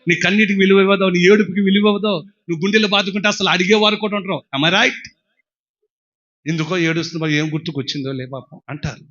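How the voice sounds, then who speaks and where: A man preaching a fervent sermon in a high, bright, cutting voice. He rises to shouted calls for praise and then sinks to soft, pleading asides. The recording sounds dull and lo-fi. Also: fairly even intonation, fast. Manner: swings between shouted exhortation and hushed pleading, calls for praise.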